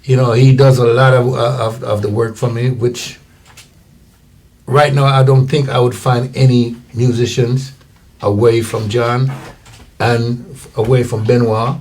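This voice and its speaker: Older Jamaican man, guest singer, laid-back and rambling, mid-pitched voice. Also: a little slow. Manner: relaxed, rambling storytelling. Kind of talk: casual interview.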